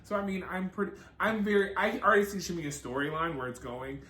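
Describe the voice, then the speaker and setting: Sassy, bright-voiced gossiping man. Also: high-pitched, fairly quick, roomy sound. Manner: sassy, animated, shady. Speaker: podcast co-host. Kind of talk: casual gossip chat.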